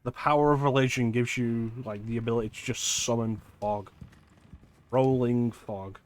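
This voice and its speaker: A man's voice: medium pitch, fairly even intonation, normal speed. A man streaming a game with casual, offhand, wry commentary.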